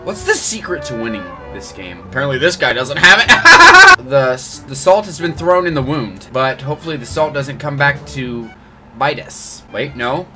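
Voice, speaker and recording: A man's voice: medium pitch, normal speed, over loud music. A man hosting his gaming channel, giving jokey live commentary on his own match and yelping at every bad play. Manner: excitable, jokey, groans and yelps at plays.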